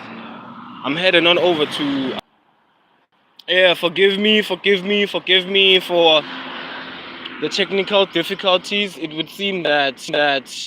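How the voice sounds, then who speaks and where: A man's voice: fairly high pitch, pushed and bright, slight background noise, low-quality recording. Slangy South African man streaming outdoors. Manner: rambling, slangy, apologetic about glitches. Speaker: rapper and vlogger. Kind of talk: casual live-stream chat. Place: outdoors on a neighborhood street. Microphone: phone.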